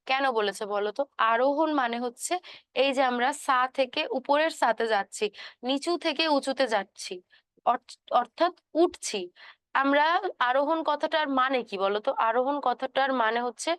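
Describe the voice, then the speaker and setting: Woman, music teacher in an online class; high voice, dry close sound, patient explaining, sings the scale notes. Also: clean tone, no echo.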